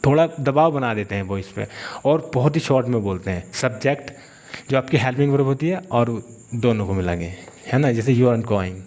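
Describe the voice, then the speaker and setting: A man from India, teaching English grammar in a classroom style and slowly repeating example phrases. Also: medium pitch, animated, a little mellow. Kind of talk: classroom-style spoken lesson.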